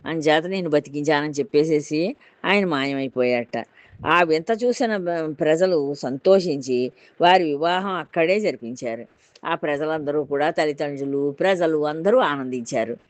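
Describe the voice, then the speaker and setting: A woman's voice: low-pitched, dry recording. A woman telling a devotional folk tale in a homely way, retelling and explaining each line as she goes. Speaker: storyteller.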